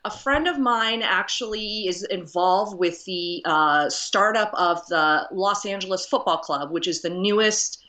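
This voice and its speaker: A woman from Canada, a guest chatting casually on a video call, talkative and quick to laugh. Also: mid-range voice, pushed and bright, echoey room, recorded from a distance. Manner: chatty, laughs easily, many fillers.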